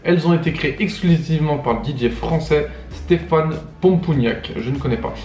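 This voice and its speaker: A man's voice: a little high, fairly quick, faint music behind. A young man hosting a reaction video, reading captions aloud and joking about them with lots of laughter. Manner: animated, laughs often, reads captions aloud then mocks them. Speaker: YouTuber host. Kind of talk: casual reaction commentary. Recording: echoey room.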